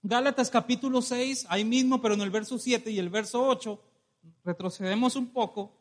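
A male preacher with a Mexican Spanish accent giving a sermon, telling stories and calling the congregation to say amen. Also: extremely high pitch. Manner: storytelling, calls for amen, slows on key phrases.

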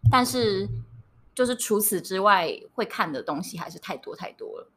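A woman hosting a podcast, interviewing casually in a teasing, animated way. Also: medium pitch, moderate pace, slight background noise.

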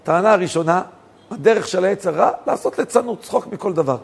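Man, rabbi, lively weekly sermon, acts out dialogue, high-pitched, gravelly. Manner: animated storytelling, acting out dialogue. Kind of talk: Torah lesson with stories.

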